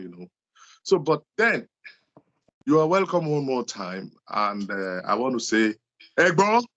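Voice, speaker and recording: A man with a Nigerian accent hosting an interview show, speaking slowly and respectfully and thanking his guest often. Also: mid-range voice, fairly bright tone, dry recording. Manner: slow, deliberate and respectful, with frequent thanks. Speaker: host. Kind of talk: hosting an interview show, mixing English and Yoruba.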